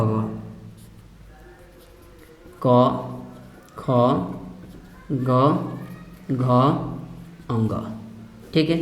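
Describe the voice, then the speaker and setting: A man teaching a grammar lesson with a Bihar Hindi accent, speaking slowly and repeating himself, asking questions and then answering them. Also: fairly high pitch. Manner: slow and repetitive, asks questions and answers them, says "ठीक है" often. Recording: echoey room with long reverb.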